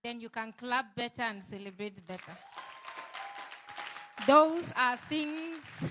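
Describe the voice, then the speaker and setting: A woman's voice: on the high side, animated, slow pace, bright, forceful tone, a faint crowd, slight background noise. A woman hosting a seminar, welcoming the audience, asking them questions and echoing their answers. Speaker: seminar host.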